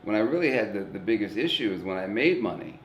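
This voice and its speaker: A man's voice: fairly low pitch, sing-song, fast talker, dull audio, a little hiss or hum. Earnest plainspoken man in a roomy space. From East St. Louis, Illinois. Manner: earnest, plainspoken, swears casually, repeats words while thinking. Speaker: guest comedian. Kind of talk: casual reflective conversation. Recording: roomy echo.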